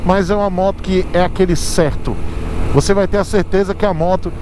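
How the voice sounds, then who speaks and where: Brazilian male motovlogger, high-pitched and talkative, riding in traffic, road noise under the voice. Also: steady tone, brisk. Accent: Brazilian Portuguese. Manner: chatty, addresses viewers as galera. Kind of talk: casual motorcycle review while riding. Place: on a motorcycle in city night traffic. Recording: outdoor traffic and wind noise.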